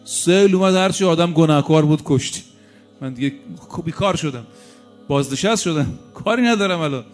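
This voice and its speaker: A sly, scheming Satan, as a preacher puts him on within a sermon story, coaxing and insistent in his pitch. The voice sits a touch high for a man, with faint music underneath. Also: animated, natural voice. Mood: wheedling. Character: sly wheedling male Satan, scheming tempter.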